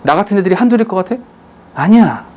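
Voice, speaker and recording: Animated male English teacher lecturing. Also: high-pitched, quick pace, dull audio. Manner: animated, jokey, addresses students directly. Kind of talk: classroom lecture.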